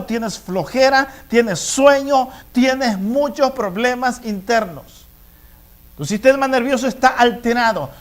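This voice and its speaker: Man, high voice, slow deliberate delivery, emphatic sermon. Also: a bit bright. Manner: emphatic, repeats key phrases, asks "¿me entiendes?". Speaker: preacher.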